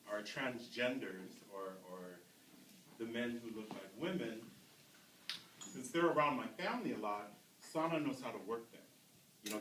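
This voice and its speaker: A man's voice: medium pitch, fairly bright tone. A man telling stories to a youth class as a community speaker, often asking the audience questions. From United States. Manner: storytelling, asks the audience questions. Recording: roomy, from a distance, faint noise.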